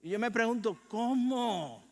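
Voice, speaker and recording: A man's voice: high voice, unhurried, a bit bright. An older man with a Puerto Rican accent preaching a sermon in a conversational way, asking the congregation questions and joking. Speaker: pastor. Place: church sanctuary. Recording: long church hall reverb.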